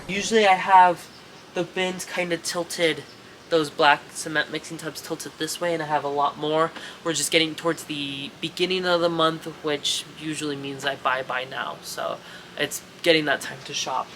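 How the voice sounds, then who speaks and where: In his echoey shed, this young reptile and rat breeder, congested and a bit rambling, casually swears while chatting to viewers in a show-and-tell vlog about his rats. His voice is a little high, steady and fairly bright at a moderate pace, with slight background noise.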